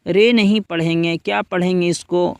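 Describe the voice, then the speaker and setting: Patient high-voiced man teaching letters. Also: fairly even intonation, creaky, clear, resonant tone, dry recording, studio quality. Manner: patient, spells out each letter slowly. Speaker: Quran reading teacher. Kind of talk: step-by-step recitation lesson.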